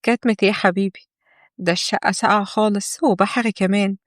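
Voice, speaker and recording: A woman voicing a tired, hurt young wife who is a doctor, with an Egyptian accent and a quick, pleading delivery. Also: mid-range voice, fairly even intonation, dry recording, studio quality, lightly acted. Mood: puzzled. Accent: Egyptian Arabic.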